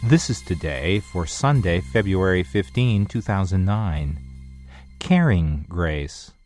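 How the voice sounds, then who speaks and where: A man hosting a short radio devotional, reading scripture and a prayer in a measured, earnest way. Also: sits low, a little mellow, no room sound, clean studio sound.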